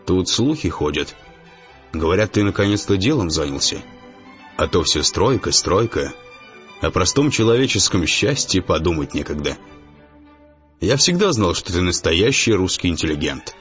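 A man's voice: low-pitched, big pitch swings, normal speed, fairly bright tone. A man voicing an ironic middle-aged man who teases an old friend in a mocking, jovial way. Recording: dull lo-fi audiobook, faint music.

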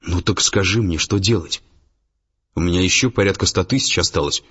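A man reading a guarded, calm businessman. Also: low-pitched, slightly rough. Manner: reserved, measured. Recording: dull lo-fi audiobook, faint music.

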